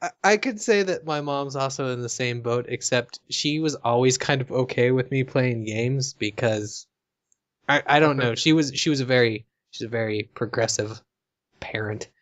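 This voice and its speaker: An American man co-hosting a casual podcast chat, easygoing and quick to laugh, talking in long musing turns. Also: medium pitch, lo-fi sound. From United States. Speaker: co-host.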